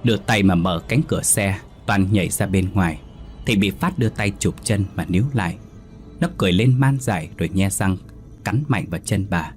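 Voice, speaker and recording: A man narrating a horror story in a measured, dramatic way. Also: low-pitched, soft background music.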